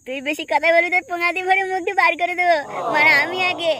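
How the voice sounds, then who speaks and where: A man voicing a crude, hot-headed, boastful young village man in a comic cartoon, with a pitched-up, foul-mouthed, blustering delivery. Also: steady tone, fast, a crowd in the background. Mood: angry, boastful.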